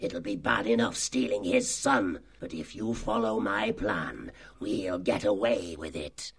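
Man acting cunning fox gang boss, cruel, gravelly and husky, unhurried, sarcastic, menacing, boastful, audiobook drama. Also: fairly low pitch, exaggerated voice. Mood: furious.

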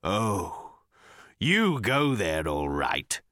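A bitter, vengeful male creature, as an audiobook reader puts him on, drawls each word slowly and with menace. His tone is bright and lively yet hisses with contempt, and the sound is close and dry. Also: medium pitch, no room sound, voice pushed up, heavily acted. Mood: broken, hushed. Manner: slow, hissing, drawn-out menace. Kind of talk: audiobook character reading.

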